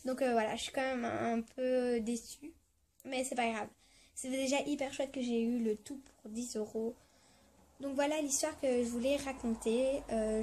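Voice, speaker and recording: A woman's voice: fairly high pitch, dark tone, slight background noise. A woman vlogger telling a story in a casual vlog, chatty and enthusiastic, with many fillers and restarts.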